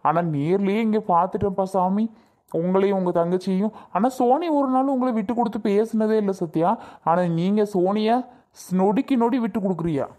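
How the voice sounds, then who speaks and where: A woman doing a fast firm cartoon husband. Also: medium pitch, warm tone, lightly acted. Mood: firm warning. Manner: firm, warning. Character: young man, protective husband. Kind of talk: cartoon voice acting.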